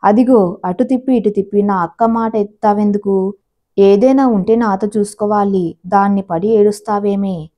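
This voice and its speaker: A woman's voice: mid-range voice, fairly even intonation, normal speed, dark tone, natural voice. A woman voicing a short-tempered middle-aged husband who speaks in a dismissive, irritated way.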